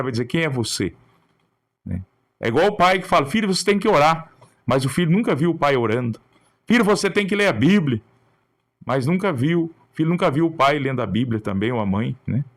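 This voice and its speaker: A male pastor delivers a sermon in short bursts, his voice sitting a little higher than most men's. He speaks earnestly and admonishes his listeners, tagging many phrases with a question to draw them in. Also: a bit bright. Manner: talks in short phrases, often adding a questioning tag. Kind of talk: sermon on raising children.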